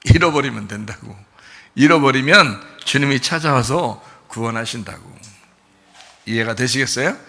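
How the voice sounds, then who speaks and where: Bright, lively-voiced Korean pastor preaching. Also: male voice, mid-range voice, normal speed, vocal fry. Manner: emphatic preaching, swings from soft to loud; rhetorical questions to the congregation. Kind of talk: sermon.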